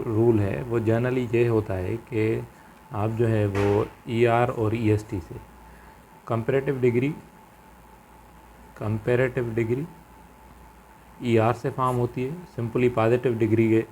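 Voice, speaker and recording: Male teacher, slow halting lecture delivery, faint background hiss. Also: lowish voice, darkish tone. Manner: halting, many fillers and repeated phrases; mixes English terms into Urdu-flavoured Hindi. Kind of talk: grammar lecture.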